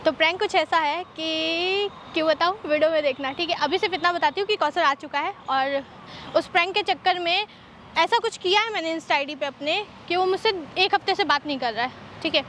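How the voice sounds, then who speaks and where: A woman's voice: extremely high pitch, a little fast, a bit bright, slight background noise. A young woman hosting a prank vlog, talking casually and teasing her boyfriend in a playful, coaxing way. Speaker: prank vlogger.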